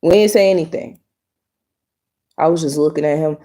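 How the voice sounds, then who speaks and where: Blunt woman vlogger, low mellow voice. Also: normal speed. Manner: blunt, emphatic, repeats her points. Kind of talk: casual opinion monologue to camera.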